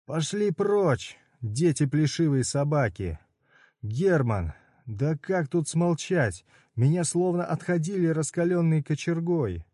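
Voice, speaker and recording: Udo: man doing a shrill frantic man in agony. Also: big pitch swings, slow, no room sound, studio quality, exaggerated voice. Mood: frantic, yelling. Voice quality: shrill, yelling. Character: frantic man in burning pain, hot-tempered.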